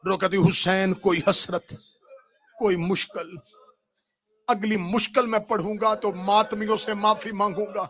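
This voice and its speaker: A man with a Pakistani Urdu accent giving a Muharram majlis sermon, crying out in lament and then dropping to hushed, weeping narration. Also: high voice, steady tone. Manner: wailing, swings from shouted cries to hushed weeping delivery. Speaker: Shia majlis orator.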